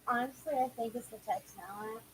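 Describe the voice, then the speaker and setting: A woman's voice: on the high side, brisk. A woman chatting casually as a livestream host, blunt and irritated, swearing freely. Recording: noisy amateur livestream recording.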